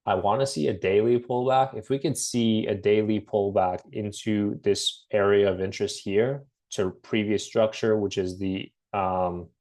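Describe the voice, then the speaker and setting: A man with a cold and a slightly raspy voice, casually talking through a trading market breakdown with many pauses and restarts. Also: fairly low pitch. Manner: relaxed, halting, many ums and restarts. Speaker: forex trading analyst.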